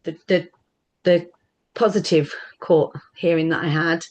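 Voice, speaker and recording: A woman's voice: fairly low pitch, steady tone, measured pace, a little mellow. A woman speaking earnestly as a parent about her own experience of family court, with emphatic repetition and a plain conversational manner. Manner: earnest, emphatic, repeats phrases. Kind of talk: personal testimony at a panel.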